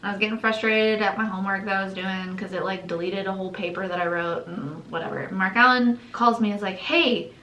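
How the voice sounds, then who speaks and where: Young woman chatting, acts out the quotes, bright voice, echoey room. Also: mid-range voice, brisk, few pauses, slight background noise. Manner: animated, acts out quotes, laughs often. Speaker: channel co-host. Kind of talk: casual storytelling.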